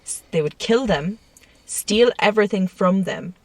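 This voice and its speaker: A woman's voice: medium pitch, expressive, unhurried, no room sound, far from the mic. A woman co-hosting a casual true-crime podcast, telling the story with frequent laughs and swearing. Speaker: podcast co-host. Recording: dry sound, set back from the mic.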